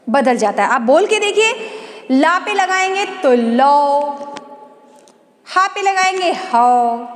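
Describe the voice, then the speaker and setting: A woman teaching a Hindi lesson to students, asking questions and answering them herself, and slowly drawing out each syllable. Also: very high-pitched. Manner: slow, drawn-out sounding of syllables. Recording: echoey room with long reverb.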